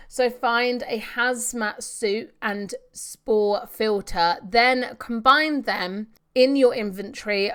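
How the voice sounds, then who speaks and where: In a clean, mid-range voice with a bit of brightness, a woman narrates her gameplay in a chatty, casual way. She mutters to herself as she goes and reads the on-screen text out loud.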